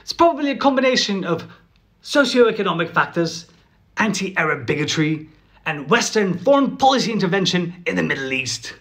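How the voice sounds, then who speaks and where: A man's voice: high voice, very animated, moderate pace, a bit bright, full character voice. A man imitating a smug young male political science student who lectures in a pompous way.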